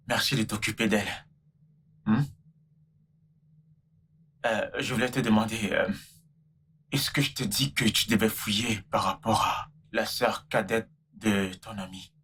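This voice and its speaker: An actor playing a smooth-talking man who juggles lovers for money, coaxing and pleading. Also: fairly low pitch, fairly even intonation, takes it slowly, pauses often, bright, forceful tone, a little hiss or hum. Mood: sweet-talking. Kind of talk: dubbed film drama.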